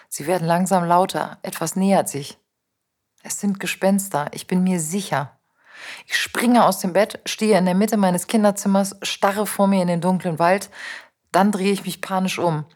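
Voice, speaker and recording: A woman reading a first-person story aloud as the narrator, in a calm and measured way. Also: fairly low pitch.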